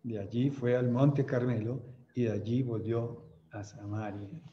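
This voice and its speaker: A man's voice: mid-range voice, steady tone, unhurried, dull audio, a little hiss or hum. A man with a Colombian accent leading a youth Bible study, reading scripture aloud and explaining it in a conversational, questioning way. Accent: Colombian Spanish. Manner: conversational teacher who checks in with listeners; mimics laughter when retelling stories.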